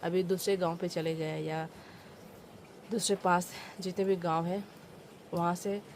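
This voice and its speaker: Speaking a little slowly in a lowish voice with flat delivery, a young village vlogger from Arunachal Pradesh chats with viewers about rural life in simple words. Her Northeast Indian accent is clear, and there's slight background noise.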